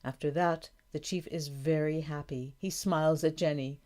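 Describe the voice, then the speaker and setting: A woman reading a storybook for learners aloud, slowly and carefully, announcing each page. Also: low voice, steady tone, mellow. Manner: slow, careful, clear reading. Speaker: audiobook narrator. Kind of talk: scripted narration of a graded reader.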